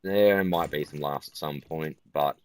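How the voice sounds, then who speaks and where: A tired man giving casual gameplay commentary in a flat, musing way. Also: extremely low pitch, measured pace, clean tone. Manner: self-described monotone, relaxed and musing.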